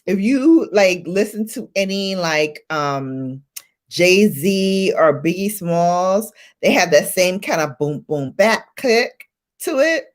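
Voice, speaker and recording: Faint music runs under this casual livestream, where a Brooklyn-born host speaks in a lowish, slow voice with lively intonation. Her Brooklyn New York accent is clear as she chats, laughs often, and calls out viewers by name.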